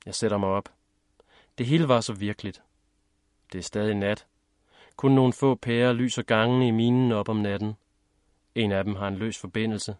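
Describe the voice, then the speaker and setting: A man narrating a first-person story in a measured, steady reading. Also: fairly low pitch, no room sound, clean studio sound. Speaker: audiobook narrator.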